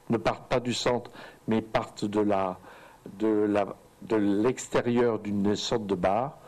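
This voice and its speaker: Halting French-speaking man lecturing. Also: lowish voice, darkish tone, rough recording. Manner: hesitant, halting with many fillers and restarts. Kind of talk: seminar lecture with slides. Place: lecture room.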